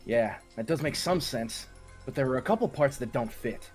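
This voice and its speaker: A man's voice: mid-range voice, lively intonation, moderate pace, a little mellow, soft background music, natural voice. Man playing an earnest, anxious young character. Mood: reasoning. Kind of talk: amateur visual novel voice-over.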